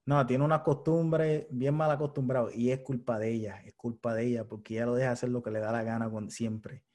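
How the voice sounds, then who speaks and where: A man's voice: mid-range voice, little pitch movement, fairly quick, darkish tone. A man hosting a podcast, talking frankly and casually, swearing often and thinking aloud. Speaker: podcast host. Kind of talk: casual chat.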